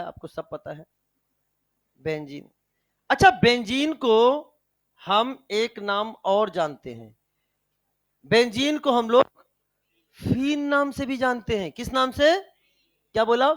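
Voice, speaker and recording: Male chemistry teacher, very high voice, dry close sound, keeps quizzing the class. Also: fairly bright tone, no room sound. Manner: quizzing students with repeated questions; calls students "beta". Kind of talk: classroom lecture.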